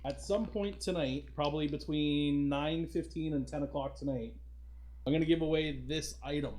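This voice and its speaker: A podcast host runs a casual livestream, talking informally and calling his viewers guys. His voice is on the high side yet darkish in tone, steady, at a moderate pace.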